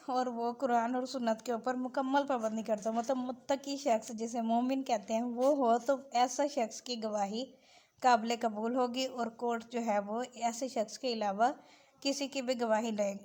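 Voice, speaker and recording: Reading out and explaining legal text, a woman lecturer with a Pakistani accent alternates between Urdu-Hindi and English, taking clauses slowly. She has a fairly high-pitched, slightly mellow voice.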